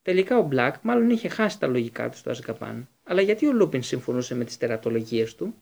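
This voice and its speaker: A man narrating a children's fantasy novel in an expressive reading. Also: mid-range voice, creaky. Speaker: audiobook narrator. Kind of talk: scripted narration.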